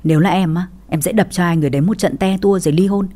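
A woman voicing a blunt, sharp-tongued young sister-in-law in a read-aloud story. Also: fairly low pitch, racing, close to an everyday voice. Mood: mocking.

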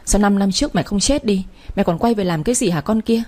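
A woman's voice: medium pitch, fast, mellow, lightly acted. A woman voicing an arrogant young married woman who scolds and screeches insults. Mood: furious.

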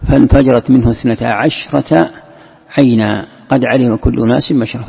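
A man with a deeply gravelly, husky voice teaches a scriptural commentary lesson. He reads a passage aloud, then explains it patiently and repeats key words. The sound is muffled and lo-fi, with a long hall echo. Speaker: Islamic scholar teaching Quran commentary.

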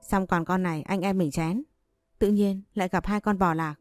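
A crude young street thug jeers at his victims, as a woman storyteller puts him on. The voice is low and mellow, close and dry, with faint music underneath. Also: steady tone, moderate pace, no echo, natural voice. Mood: jeering. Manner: crude, jeering.

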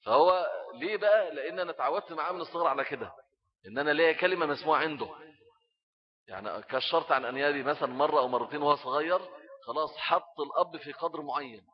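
A fast-talking middle-aged man with an Egyptian Arabic accent preaches on raising children. His voice sits a little high, and he acts out small scenes as he goes. The recording sounds dull and lo-fi. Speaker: Islamic preacher. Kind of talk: religious talk on parenting.

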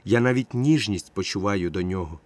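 A man narrating a literary novel in the first person, measured and expressive. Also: fairly low pitch, no room sound. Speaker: audiobook narrator.

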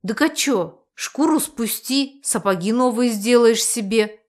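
A woman's voice: fairly high pitch, lively intonation, unhurried. A woman voicing a cocky, thuggish male spirit guide who talks in street slang, in an audiobook.

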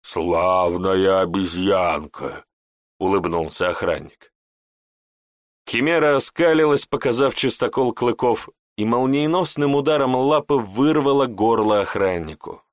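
A man narrating a fantasy audiobook in an even storytelling manner. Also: mid-range voice, moderate pace, no echo, clean studio sound. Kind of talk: scripted narration.

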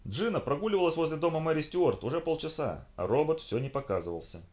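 A man narrating an audiobook in an even storytelling read. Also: fairly high pitch, fast talker.

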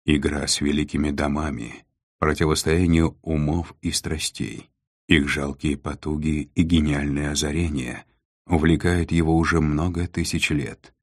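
A man voicing a calm, commanding male lord of darkness who speaks in a weighty, unhurried way. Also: extremely low pitch, no room sound, clean studio sound, heavily acted.

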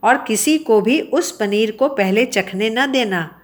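A woman's voice: on the high side, lively intonation, slow. A woman voicing a gracious, kindly king. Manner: gentle, reassuring. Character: kind, gracious male king.

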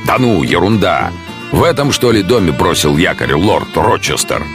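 Audiobook casting: a man voicing a rowdy prankster sea-commodore ghost, jovial and gravelly, lively swoops. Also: deep voice, moderate pace, music in the background, voice pushed up. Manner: loud, jovial, mocking.

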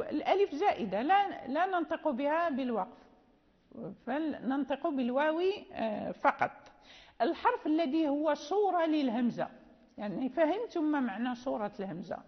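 Woman with a Moroccan accent, high voice, patient teacher explaining a lesson, dull recording, long echo. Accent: Moroccan Arabic. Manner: patient, explanatory, checks in with students. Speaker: Quran recitation teacher. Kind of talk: classroom lecture. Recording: dull lo-fi sound with long hall reverb.

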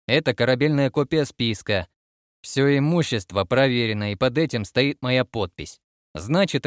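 A man's voice: medium pitch, dry recording, clean studio sound, lightly acted. A man doing a fussy starship captain. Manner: patient then exasperated, bureaucratic.

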